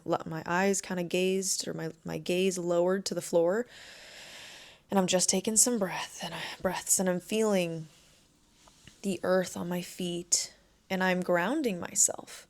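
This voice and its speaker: A young adult woman hosting a self-help podcast, talking in a relaxed, conversational and reassuring way. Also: on the low side, normal speed. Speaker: podcast host and anxiety coach.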